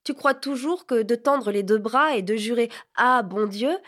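A woman reading an audiobook, voicing a fifteen-year-old girl who answers with bright, mocking retorts. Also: fairly high pitch, measured pace. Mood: teasing, wistful.

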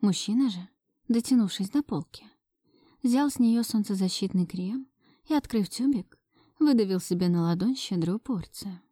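A woman narrates a first-person story at a measured pace and gives each line some expression. Her voice is mellow and warm. The recording is close and dry. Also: mid-range voice, dry recording.

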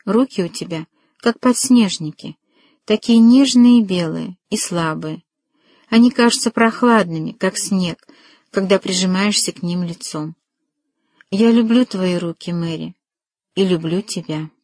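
A woman's voice: fairly low pitch, measured pace, darkish tone, dry recording. A woman voicing an earnest, ardent young man in an audiobook, speaking tenderly and resolutely.

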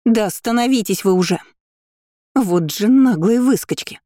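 A woman's voice: medium pitch, fairly quick, dry recording, clean studio sound, natural voice. A woman voicing a haughty, furious young aristocratic woman who spits threats. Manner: spiteful, shouting threats.

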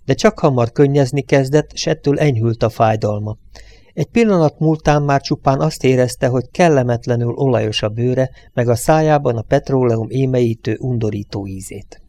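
A man reading an audiobook in a calm, measured narrating voice. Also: mid-range voice.

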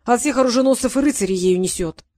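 A woman voicing a big fatherly male dragon, gruff but good-natured. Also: a little high, fast, darkish tone, close to an everyday voice.

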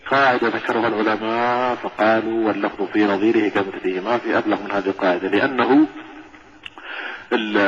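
A man's voice: lowish voice, fairly bright tone, slight background noise. A man, a guest scholar explaining recitation rules and citing earlier scholars. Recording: muffled lo-fi broadcast audio.

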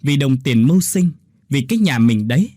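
Man doing a hurt young wife, bitter and pleading, husky tone. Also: a little high, very animated, moderate pace, darkish tone, dry recording, studio quality, voice pushed up. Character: hurt, humble young wife selling sticky rice.

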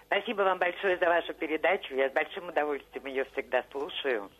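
A woman's voice: deep voice, a little fast, low-quality recording. A woman calling a radio show, politely asking several questions. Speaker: caller. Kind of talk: phone call to radio.

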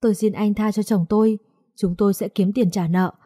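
A woman's voice: medium pitch, steady tone, brisk, mellow, breathy edge, no room sound, clean studio sound, close to an everyday voice. A woman reading aloud, voicing a young wife who pleads and resists. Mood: pleading. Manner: pleading, defiant. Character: frightened young wife pleading for her husband.

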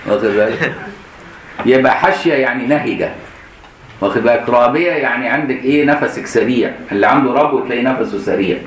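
A man's voice: medium pitch, fast talker. A middle-aged man with an Egyptian Arabic accent gives a colloquial hadith commentary lesson, explaining with rhetorical questions and laughing now and then. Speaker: religious teacher. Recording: echoey room.

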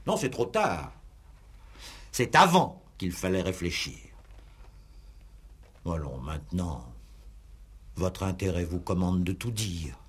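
As the examining magistrate in a 1960s French radio police play, a man pushes and mocks in a formal, theatrical manner, insistent and exasperated. His low voice is very animated yet slow, with frequent pauses and a breathy edge, and the acting is heavy.

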